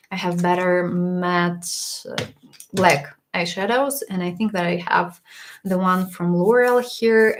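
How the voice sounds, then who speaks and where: On a livestream, a woman chats openly about makeup products, dropping small laughs and occasionally starting sentences over. Her mid-range voice is a bit worn, as she's slightly losing it. A faint hiss or hum runs under the recording.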